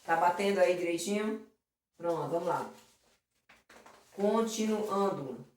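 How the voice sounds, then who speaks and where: In an exam prep lesson, a woman teacher works through exam questions, speaking affectionately with plenty of diminutives and checking in with her students constantly. Her voice is fairly low in pitch and darkish in tone, at a normal speed. The room is very echoey and the mic sits far away.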